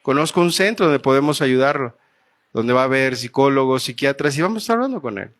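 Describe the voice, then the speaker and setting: A man's voice: medium pitch, lively intonation, quick pace, fairly bright tone. A man with a Mexican Spanish accent preaching a sermon in church, telling a story and putting earnest questions to the congregation.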